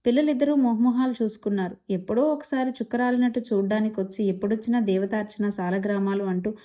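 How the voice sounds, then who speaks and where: A woman storyteller narrating a family story in a measured, expressive reading style. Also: medium pitch.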